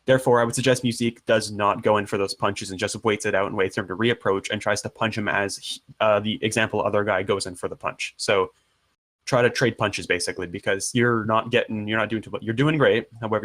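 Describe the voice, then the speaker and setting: A man doing color commentary, explaining tactics in an earnest, halting way. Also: fairly low pitch, fairly even intonation, a bit bright. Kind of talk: analytical match commentary.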